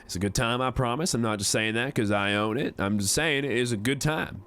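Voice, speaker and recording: A game streamer in his forties talks brisk and chatty in character as an amiable frontier fellow, putting on an American Southern accent with folksy, courtly phrasing. His medium-pitched voice is fairly bright, clean and pushed up, yet still sounds natural.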